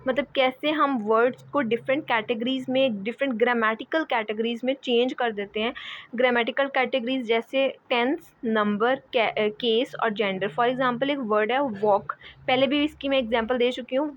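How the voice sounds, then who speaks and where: A woman giving a lecture as a teacher, often checking in with "okay" and pausing with fillers. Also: fairly high pitch, steady tone. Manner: repeats "ठीक है", hesitant fillers. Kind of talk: explaining lecture. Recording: dull lo-fi audio.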